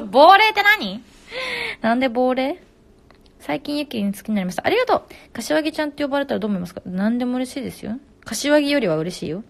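Fast-chatting young Japanese idol woman. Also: on the high side, gravelly. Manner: reads comments aloud and answers quickly. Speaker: idol hosting a live stream. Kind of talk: casual chat reading viewer comments. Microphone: phone.

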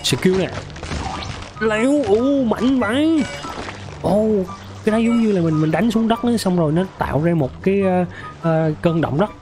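A hoarse young man with a sore throat, excitedly commenting on a mobile game he is playing, yelping and repeating words. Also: high voice, moderate pace, music in the background. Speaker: gaming streamer.

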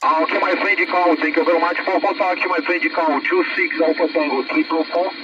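A man with a Brazilian Portuguese accent, speaking halting English over a distant CB radio link, spelling out call signs. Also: fairly high pitch, steady tone. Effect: distant CB radio transmission. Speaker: CB radio operator. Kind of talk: radio contact exchange. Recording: muffled, far-off, heavily noisy CB radio signal.

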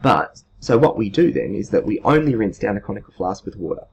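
A man's voice: lowish voice, very animated, fairly quick. A man in his thirties giving an informal, unscripted lesson, explaining step by step like a teacher. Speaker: chemistry teacher, video host. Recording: muffled sound with clear background noise.

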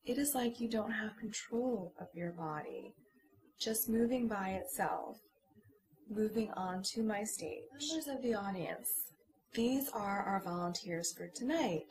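A woman's voice: mid-range voice, a little slow, a little mellow, natural voice. Woman playing Scarlett, a teasing stage hypnotist. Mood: coaxing. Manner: teasing, coaxing, alternates whispers and stage calls. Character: confident female stage hypnotist, teasing showwoman. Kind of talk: ASMR hypnosis roleplay.

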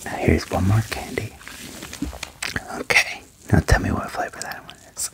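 A young adult man performs ASMR as an alien doctor in a medical roleplay, whispering gently and breathily at a normal speed with short, reassuring phrases. He's in a small wood-panelled room, close to a microphone fitted with a furry windscreen.

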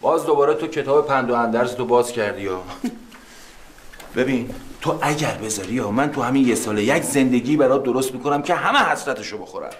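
An actor playing a boastful, scheming husband who brags and wheedles about big deals. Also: male voice, mid-range voice, animated, slight background noise, lightly acted. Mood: bragging. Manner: bragging, playful, wheedling. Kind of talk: TV drama acting.

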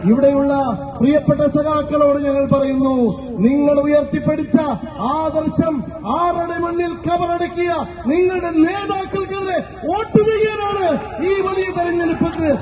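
A man giving a fiery, declamatory election rally speech outdoors. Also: very high-pitched. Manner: shouting slogans, declamatory. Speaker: political campaign speaker. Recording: crowd noise, noisy rally.

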